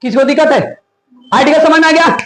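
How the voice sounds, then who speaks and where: A man's voice: very high voice, fast talker, roomy sound, slight background noise, low-quality recording. A man teaching English grammar to a class, lecturing and firing questions at his students. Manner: questions the class often, animated.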